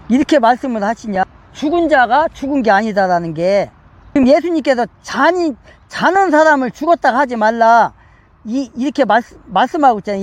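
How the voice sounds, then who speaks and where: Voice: mid-range voice, darkish tone. A Korean Bible study teacher lecturing emphatically, repeating phrases and asking the listeners many rhetorical questions.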